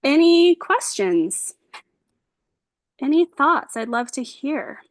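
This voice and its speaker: A woman who is a lecturer and social worker gives an informal talk to an audience in a bookstore event space, her voice high-pitched, very animated, and slow. She sounds affirming and conversational, dropping in frequent casual fillers, and the recording is dry.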